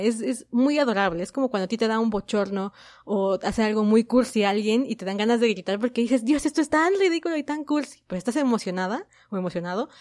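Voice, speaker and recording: Excited woman gushing as a fan. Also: mid-range voice, no echo. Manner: gushing, excited, acts out quotes. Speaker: K-pop fan vlogger. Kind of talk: casual fan commentary monologue.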